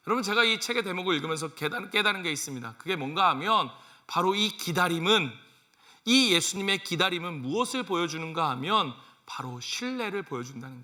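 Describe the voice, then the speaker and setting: A male pastor preaching a sermon, asking the congregation questions and acting out lines from his family life. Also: high voice. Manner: animated, asks the congregation questions, acts out family quotes.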